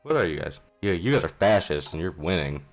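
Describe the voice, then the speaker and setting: A man's voice: low voice, sing-song, fairly quick, faint music behind. A young man giving casual, rambling let's play commentary at home, offhand and self-deprecating, on a modest mic. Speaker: gaming channel host.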